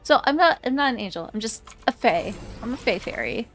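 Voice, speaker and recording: A woman's voice: on the high side, expressive, fairly quick, a bit bright, soft background music. A woman in her twenties chatting casually with her stream viewers, rambling and giggly with lots of fillers. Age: 20s. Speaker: VTuber streamer.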